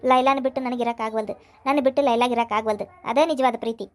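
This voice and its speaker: A woman's voice: on the high side, steady tone, a little hiss or hum, natural voice. A woman voicing a tearful lovesick young man. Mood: insistent. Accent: North Karnataka Kannada. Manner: pleading, emotional, fast. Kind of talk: cartoon voice acting.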